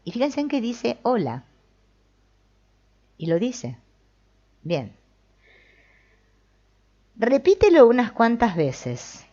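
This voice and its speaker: A woman's voice: a little high, sing-song, takes it slowly, long pauses, dark tone, dull audio. A woman giving a reflective spiritual talk, commenting on a text she reads and asking the listener questions. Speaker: spiritual teacher.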